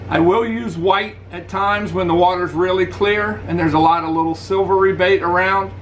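Filming himself on a webcam in his living room, a middle-aged man who hosts a fishing channel gives a casual gear review, holding lures up to the camera. His voice is fairly high for a man, and he speaks at a moderate pace in a relaxed, practical way. The audio is poor, with a faint air conditioner hum underneath.

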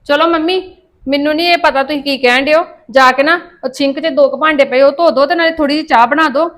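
A woman's voice: high voice, steady tone, quick pace, fairly bright tone. A woman with a Punjabi accent playing an irritable young daughter who talks in an impatient, dismissive way. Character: brisk, irritable young daughter busy with farm chores.

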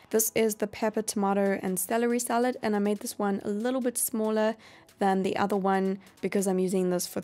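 A woman hosting a cooking channel, explaining each step of a meal prep in a calm voice-over. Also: medium pitch, creaky. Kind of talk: instructional voice-over.

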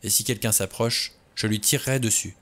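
A man's voice: fairly low pitch, steady tone, fairly quick, a bit bright, natural voice. A man voicing a cool, blunt adventurer in an audiobook reading, level and laconic. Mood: calm.

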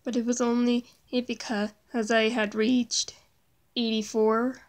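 A woman speaking in an emotional confessional video, upset and with a cracking voice, talking in halting, broken phrases that sink to a near whisper. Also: fairly high pitch, little pitch movement. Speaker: vlogger.

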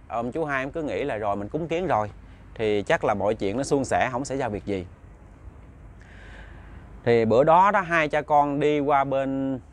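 A man with a Southern Vietnamese accent telling a ghost story in a chatty, casual way, speaking directly to his listeners. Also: medium pitch.

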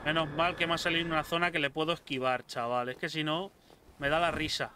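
Excitable gamer, bright voice. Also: male voice, a little high, fast, slight background noise. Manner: excitable, swears a lot, talks to enemies. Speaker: gameplay streamer. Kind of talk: casual let's-play commentary.

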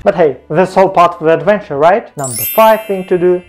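A man's voice: high voice, fairly quick, a little hiss or hum. Playful man vlogging with a lapel mic. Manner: playful, jokey asides. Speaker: travel vlogger. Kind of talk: scripted travel vlog narration. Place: home room, indoors.

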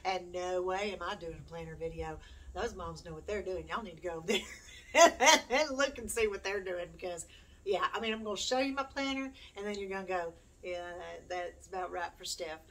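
A middle-aged homeschooling mom and YouTube host talks casually to camera from a small room at home, rambling and poking fun at herself. Her voice is lowish and a bit bright at normal speed. A distant mic catches her in a noisy room.

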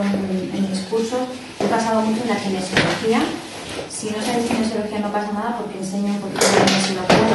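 A camera set far back in a small indoor meeting room records this Barcelona-area workshop instructor, leaving the sound echoey with a faint hiss. Speaking in a mid-range voice, she gives informal explanations to a small group, demonstrates with her hands, and regularly checks that everyone follows by asking "¿vale?".

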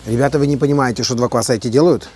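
A man's voice: medium pitch, steady tone, rapid-fire, darkish tone, husky. A man with an Odesa Russian accent, chatting casually and playfully in colloquial slang as he hosts a home cooking vlog. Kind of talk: casual banter while cooking. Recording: outdoor ambience with birdsong, background noise. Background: birds chirping.

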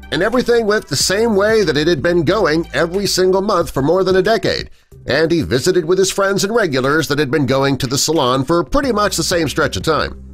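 A man reading a scripted narration of a news story in a dramatic storytelling manner. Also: a little high. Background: faint background music.

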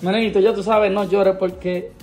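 A man's voice: high-pitched, level tone, moderate pace, darkish tone, faint music behind. A man with a Dominican accent hosting a casual vlog, chatty and teasing with the people around him. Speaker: vlogger host.

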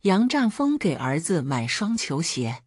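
Low, husky woman storyteller. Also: big pitch swings, measured pace, a little mellow, no room sound, studio quality. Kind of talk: scripted story narration.

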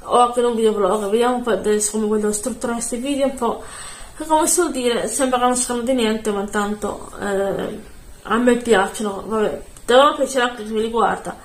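A woman chatting casually into her phone camera at home, soft-spoken and rambling, often correcting herself. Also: fairly high pitch, a little fast, echoey room. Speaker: beauty vlogger. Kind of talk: casual vlog chat.

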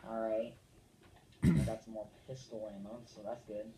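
A man's voice: fairly low pitch, little pitch movement, normal speed, vocal fry, dark tone, poor audio. A man casually narrating his own gameplay in an old video, chatty and distracted. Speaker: gamer in an old video being replayed. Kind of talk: live gameplay commentary.

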